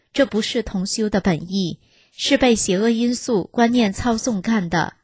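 A woman reads a personal testimony in a steady, measured way, earnest and unhurried. Her voice sits at a middle pitch for a woman. The sound is close and dry, with no room around it. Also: no room sound. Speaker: reader of a first-person testimony. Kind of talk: scripted first-person reading.

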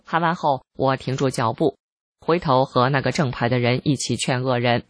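A reader giving scripted narration of a first-person article in a calm, measured, even way. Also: medium pitch, dry recording.

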